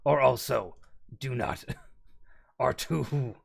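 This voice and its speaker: A man's voice: drawn-out words, exaggerated voice. A male streamer talking in a demonic voice, with stiff, formal wording. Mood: stiffly formal. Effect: demonic voice, deep and gravelly. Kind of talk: casual live-stream chat.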